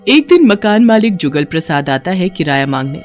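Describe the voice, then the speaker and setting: A woman narrating a cartoon story in a soft, steady storytelling voice. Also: fairly low pitch, moderate pace, faint music behind.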